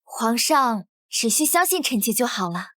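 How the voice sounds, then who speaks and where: An actress playing a young imperial consort in a costume drama, with coy, deferential courtly speech. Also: female voice, on the high side, sing-song, moderate pace, pushed and bright, no room sound, full character voice. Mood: composed, deferential. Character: young imperial consort, coaxing, sweet and secretly scheming.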